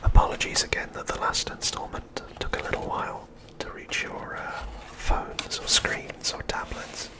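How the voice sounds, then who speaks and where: This middle-aged ASMR host speaks in nothing but breath, never voicing his words. Reading softly and patiently, he pauses deliberately between phrases, and the audio is poor.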